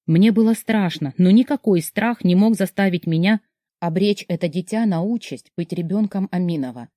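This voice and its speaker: A woman narrating a dark first-person novel as an audiobook, reading with tense emotion. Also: lowish voice, moderate pace, no echo, studio quality.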